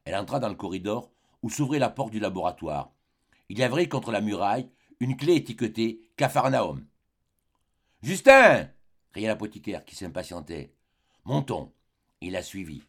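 A man narrating a literary audiobook in a measured, dramatic way, with short phrases and pauses. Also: lowish voice, lively intonation, a little mellow, breathy edge. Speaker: audiobook reader.

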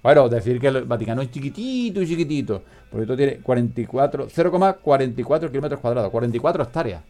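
A man's voice: mid-range voice, animated, fast talker, warm tone. A man hosts a loose, comedic radio chat at a studio mic. His talk rambles, drifts into jokes and often trails off unfinished. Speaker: podcast host.

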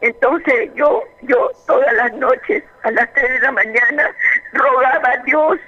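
A woman calling in to a radio show, telling her story in a fervent, halting, repetitive way. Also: high-pitched. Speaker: radio call-in caller. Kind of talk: emotional personal testimony. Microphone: telephone. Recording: muffled phone line on AM radio.

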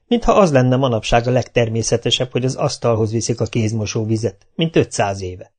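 Guy reading a kids book aloud, calm and even, normal pitch, amateur audiobook. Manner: calm, even narration with lively character voices. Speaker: audiobook reader. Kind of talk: storybook narration.

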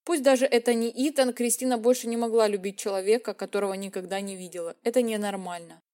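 A woman narrating a romance audiobook in a measured, emotive reading. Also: medium pitch, fairly even intonation, dark tone.

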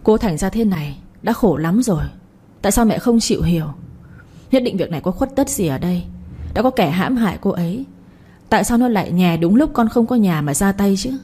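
A woman's voice: mid-range voice, lively intonation, fairly quick, mellow, slightly rough. A woman voicing an angry young master in a storybook reading, barking orders at servants.

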